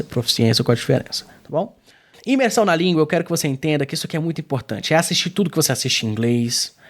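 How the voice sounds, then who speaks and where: Slangy, emphatic Brazilian man teaching. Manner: informal, slangy, lots of filler tags; emphatic, lively pitch swings. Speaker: English teacher. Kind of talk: casual video lesson.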